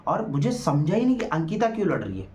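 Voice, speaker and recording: A man's voice: high voice, sing-song, fast talker, a little mellow, a little hiss or hum. A man giving a casual spoken review of a reality show episode. He talks animatedly, asks rhetorical questions, keeps saying "ठीक है", and raises his voice to act out quoted lines.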